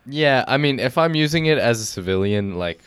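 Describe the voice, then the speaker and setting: A teenage boy co-hosting a casual podcast, laid-back and dry, his voice trailing quieter at the ends of thoughts. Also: medium pitch, expressive, moderate pace, clear, resonant tone, no echo. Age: teens. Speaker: podcast co-host.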